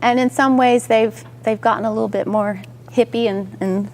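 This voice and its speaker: A woman from Georgia, a guest musician answering interview questions slowly and thoughtfully with pauses. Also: on the high side, steady tone, a little mellow. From Georgia, United States. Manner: slow and thoughtful, many pauses.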